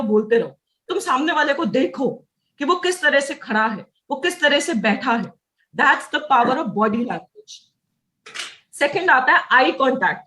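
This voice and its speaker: Brief: woman trainer, high bright voice, emphatic repetition, sales coaching. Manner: emphatic, repeats key phrases, mixes English terms. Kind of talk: motivational sales lesson.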